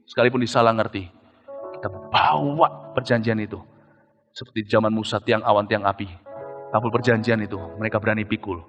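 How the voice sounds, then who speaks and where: A middle-aged male pastor preaching a sermon, animated, swinging between loud exclamations and low hushed prayer. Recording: reverberant church hall with soft music.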